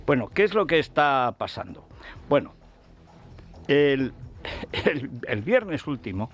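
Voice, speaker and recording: A man's voice: mid-range voice, sing-song, slow pace, fairly bright tone. A man hosting a radio show, delivering a scornful, combative political commentary with a sarcastic edge. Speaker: radio host. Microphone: radio studio mic.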